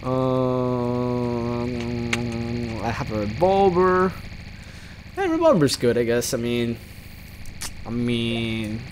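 A man's voice: mid-range voice, sing-song, extremely slow, pauses often, noisy background. A young man from South America giving jokey, rambling let's play commentary while he plays. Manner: rambling, jokey, talks to himself.

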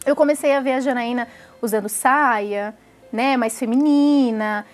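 Brazilian woman, young adult, high voice, earnest emotional testimony, interview setting. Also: measured pace, soft background music. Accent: Brazilian Portuguese. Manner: earnest and emotional, tag questions. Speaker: former samba dancer giving testimony.

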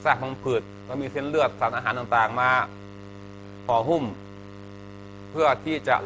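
A man's voice: mid-range voice, moderate pace, background noise. A male teacher giving a health lesson to students, chatty and joking, often asking the class questions.

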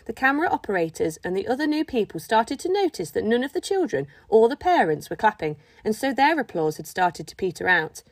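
A woman narrating a children's book in an expressive storytelling manner. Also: on the high side, fairly quick, few pauses, dry recording. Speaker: audiobook narrator. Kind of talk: scripted narration.

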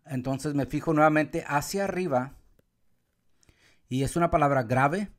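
Guy teacher going over accent marks, a bit high voice, yells words out to show the stress. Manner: calls out words loudly to show the stressed syllable, counts syllables slowly. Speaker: Spanish teacher. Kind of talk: explaining accent marks step by step.

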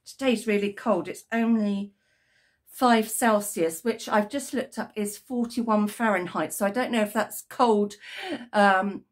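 A middle-aged British woman from the United Kingdom, a crochet vlogger croaky from a cold, chats casually to camera about her crochet project, rambling with ums and corrections. Her mid-range voice, with a British English accent, is a little slow. She sits indoors in her home craft room with yarn shelves, recorded on a webcam at her desk and framed from the chest up.

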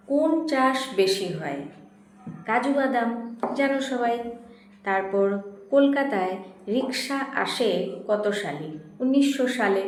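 A woman teacher dictating exam questions to young pupils, slow and patient, spelling words out syllable by syllable. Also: fairly high pitch. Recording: echoey room with faint noise.

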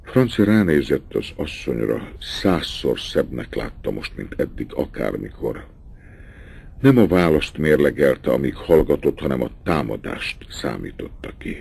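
A man reads a novel aloud in a measured, dramatic way. His voice is extremely deep, with a gravelly fry and a slightly husky edge. His pitch moves in lively rises and falls. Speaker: audiobook narrator. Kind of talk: literary audiobook narration.

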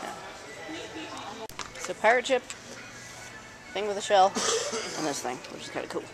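A woman's voice: mid-range voice, very animated, a little slow, over music. Giggly young woman filming a vlog. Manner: giggly, playful, teasing. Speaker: vlogger. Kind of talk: casual chat. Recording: noisy handheld camera audio.

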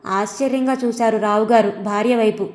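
A woman narrating a story in a plain, even storytelling manner. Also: on the high side, fairly quick, long reverb tail. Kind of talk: audiobook narration.

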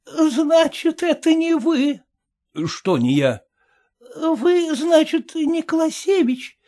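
A man voicing a solemn, stern elderly woman who speaks slowly and grandly. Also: big pitch swings, a little mellow, exaggerated voice. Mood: dismayed. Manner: slow, high, stately delivery.

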